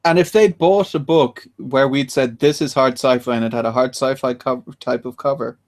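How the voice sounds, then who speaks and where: A man's voice: mid-range voice, steady tone, moderate pace, darkish tone. A man co-hosting a writing podcast, chatting casually and explaining ideas with enthusiasm. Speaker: podcast co-host. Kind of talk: casual chat about writing.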